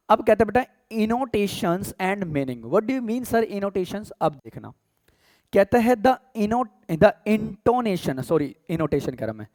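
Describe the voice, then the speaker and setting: An Indian-accented man teaching English grammar, chatting with his students and checking often that they follow. He slows down to read each English example aloud. The recording is dry and close, with no room echo. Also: high-pitched, darkish tone. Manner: addresses students as beta and pyare bachche, asks "theek hai?" often. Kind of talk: casual Hindi-English lesson.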